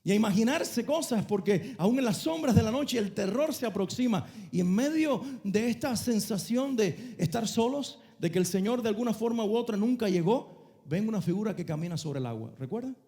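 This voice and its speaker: A male pastor with a high voice and lively intonation preaches a sermon at normal speed, telling a story. He swings dramatically between soft and loud delivery and has the congregation repeat phrases.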